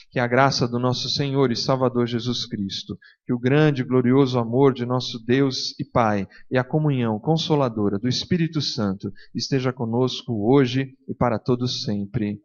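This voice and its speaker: A man leads a church's closing prayer in an earnest, steady cadence, his voice sitting at an ordinary middle pitch. The recording is dull and lo-fi, taken in a church hall. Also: normal speed. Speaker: church leader closing the service.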